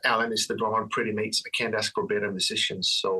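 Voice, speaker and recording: Danish-accented man, bright husky voice. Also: fairly low pitch, fast, recorded from a distance, low-quality recording. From Denmark. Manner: relaxed, rambling, frequent restarts and fillers. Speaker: guitarist guest. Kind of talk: casual interview chat.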